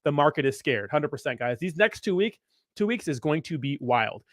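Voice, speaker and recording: A man's voice: a little high, lively intonation, normal speed, no room sound, studio quality. A man hosting a casual livestream, talking with hyped frat-bro slang and swagger. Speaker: crypto livestream host.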